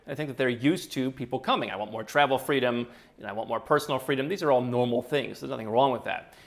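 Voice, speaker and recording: A man hosting his channel, giving brisk, opinionated advice straight to camera with a touch of sarcasm. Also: medium pitch. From United States. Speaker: channel host. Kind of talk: talking-head advice commentary.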